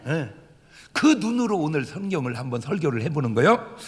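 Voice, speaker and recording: Animated preaching man in a church. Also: fairly high pitch, fairly quick. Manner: animated preaching, acts out crying children. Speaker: pastor. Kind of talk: sermon. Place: church sanctuary. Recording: church hall reverb.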